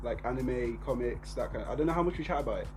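Relaxed young Bristol man chatting. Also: mid-range voice, very fast, soft background music, rough recording. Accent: Bristol English. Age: 20s. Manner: relaxed slangy talk with lots of "bro" and "innit". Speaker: podcast host. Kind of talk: casual chat.

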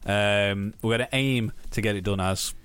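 A man with a slightly low voice hosts a podcast as casual chat. His manner is jokey and he tends to chuckle as he talks. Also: moderate pace, fairly bright tone, clear, resonant tone, soft background music. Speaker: podcast host.

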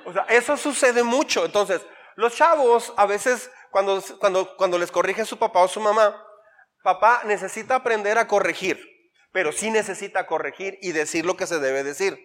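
A man's voice: sits high, moderate pace, fairly bright tone, in a large hall. A man, a pastor giving a conversational sermon full of acted-out quotes and humor.

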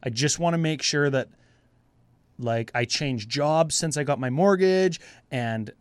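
A man's voice: fairly high pitch, measured pace, smooth, dry recording. A man hosting a podcast, telling stories casually and colloquially, swearing and acting out conversations. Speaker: podcast host. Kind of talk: casual chat, animated storytelling.

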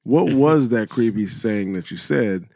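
A man's voice: lowish voice, expressive, a little slow, vocal fry, mellow, dry recording, clean studio sound. A young man co-hosting a podcast, teasing a friend with joking questions. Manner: teasing, jokey interrogator. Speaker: podcast co-host. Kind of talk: casual chat.

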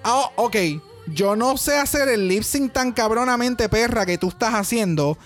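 A man's voice: very high-pitched, moderate pace, soft background music. A man co-hosting a podcast in casual chat, giving opinions and often switching into English. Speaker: podcast co-host.

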